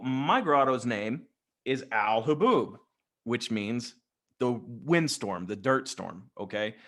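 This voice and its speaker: A man talks at an easy, middle pitch. He rambles through jokey stories as a guest in a casual interview, speaking into a desk microphone over a video call. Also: expressive, takes it slowly, fairly bright tone. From West Texas. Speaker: guest, Freemason.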